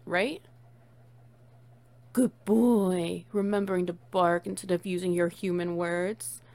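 A woman playing a playful, teasing, bossy friend in an intimate one-sided audio role-play, coaxing and doting on the listener. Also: mid-range voice. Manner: teasing, coaxing, cooing praise.

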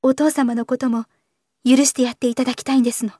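A woman's voice: high-pitched, steady tone, fast talker, dark tone, no echo, clean studio sound, voice pushed up. Woman voicing a pleading, refined young lady. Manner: polite, formal speech, pleading and tremulous. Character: earnest, well-bred young woman, pleading.

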